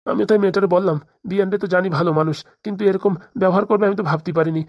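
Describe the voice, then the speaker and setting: In a cartoon, a woman voices a fretful middle-aged father who pleads at length for his only daughter, sounding aggrieved as he rambles through complaint after complaint. Her medium-pitched voice stays steady and a little mellow while racing along, close to an everyday voice. The studio recording is clean with no echo.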